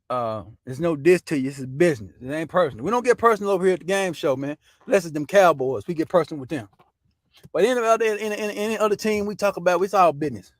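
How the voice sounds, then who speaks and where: Profane fast-ranting male sports host. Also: a little high, dry recording, studio quality. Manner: loose, profane, says "man" constantly. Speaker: sports talk show host. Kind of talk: casual sports rant.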